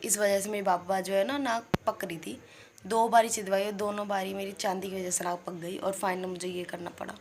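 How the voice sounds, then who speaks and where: A woman's voice: medium pitch, fairly bright tone, slight background noise. A young woman vlogger telling a story in a chatty way, laughing often as she talks. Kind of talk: casual storytelling vlog.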